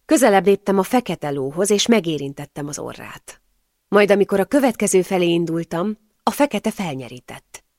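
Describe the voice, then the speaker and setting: A woman's voice: fairly low pitch, lively intonation, a little mellow, dry recording, clean studio sound. A woman narrating a historical novel as an audiobook reader, giving the characters light shifts in her reading.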